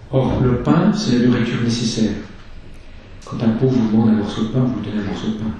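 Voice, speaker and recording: A man's voice: fairly low pitch, dark tone, distant mic, a little hiss or hum. Man preaching in an echoey church. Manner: slow, measured teaching with scripture reading. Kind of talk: sermon.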